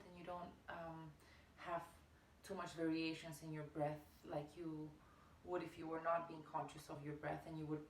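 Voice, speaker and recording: A female yoga teacher speaks at a medium pitch, explaining breathwork step by step. Her delivery is halting and thoughtful, with small self-corrections. She is picked up from some distance in a reverberant room. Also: darkish tone. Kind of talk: instructional explanation of a breathing practice. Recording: echoey room, distant mic, faint noise.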